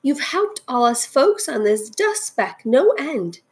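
A woman's voice: sits high, very animated, slow, a little mellow, voice pushed up, heavily acted. A woman voicing a tiny, grateful mayor of a miniature people in a storybook, with a small piping voice and courteous manner. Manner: friendly, courteous.

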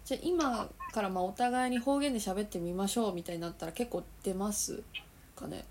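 A woman's voice: medium pitch, fairly quick, a little mellow, slight background noise. A woman hosting a casual conversation, listening closely and backing the other speaker up with frequent short yeses. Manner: attentive listener, frequent "hai" back-channels.

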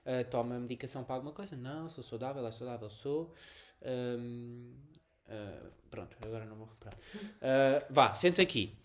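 A young man with a European Portuguese accent, telling a story in a casual podcast chat, animated, swearing often and acting out the scenes. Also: mid-range voice, moderate pace. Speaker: podcast co-host.

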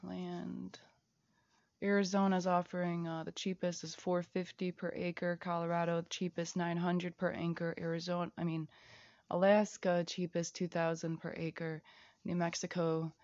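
A woman's voice: on the low side, level tone, measured pace, a little mellow, no echo, lo-fi sound. A woman recording a rambling casual audio diary, reading out lists of places and prices, sometimes half-whispering.

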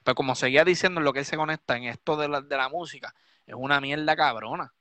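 Drunk puerto rican dj ranting on a live, cussing nonstop, bright sharp voice, dry close sound. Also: male voice, a little high, fast, dry recording. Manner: profane, heated, repetitive ranting. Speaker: DJ and live stream host. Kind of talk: ranting live stream chat.

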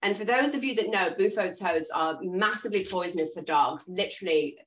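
An English woman hosting a casual video call for an association of dog trainers, chatty and expressive as she tells stories. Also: fairly low pitch, fairly quick. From England. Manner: chatty, expressive storyteller, self-described loud and noisy. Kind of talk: casual chat.

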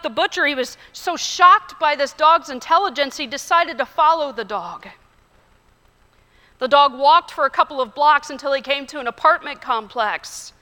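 A woman pastor preaching a sermon in a church, earnest and measured, telling stories. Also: sits high, bright, forceful tone, big-room sound. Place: church sanctuary.

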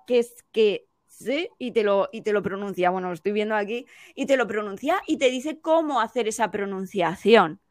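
Woman, higher voice, dry close sound; animated teacher giving advice as a podcast guest. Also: no echo. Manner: animated, explaining with quick examples. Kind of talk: casual podcast conversation.

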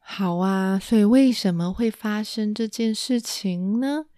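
A woman's voice: medium pitch, a little slow, warm tone, no echo, clean studio sound. A woman from Taiwan, a native Mandarin speaker with a Taiwanese accent, hosting a casual bilingual language lesson and repeating key words as she explains. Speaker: Mandarin teacher and host.

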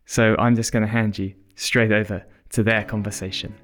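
A man hosting a podcast, reading a clear and welcoming scripted introduction. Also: lowish voice, flat delivery, moderate pace. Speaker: podcast host. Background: guitar music.

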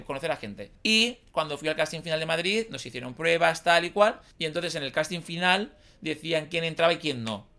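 Bright-voiced Valencian young man telling stories. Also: a little high. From Valencia region, Spain. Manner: lively, chatty anecdote-telling with slangy fillers. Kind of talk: casual chat, storytelling.

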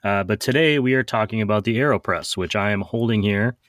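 Low-voiced man hosting a casual podcast. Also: fairly quick, dry recording, studio quality. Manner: relaxed, joking, frequent "uh" fillers. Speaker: podcast host.

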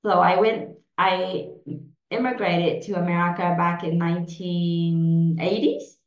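A Vietnamese woman in her forties, a native speaker, guests on a podcast and answers interview questions hesitantly, with many fillers and restarts. Her voice is on the low side, steady and slow. The recording sounds roomy, dull and lo-fi.

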